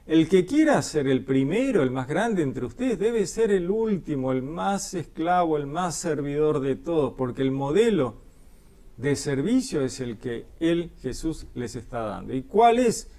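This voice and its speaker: A man's voice: a little high, very animated, a little slow, dark tone. A man with a Rioplatense Spanish accent leading a Bible study, reading passages and explaining them conversationally with frequent questioning tags.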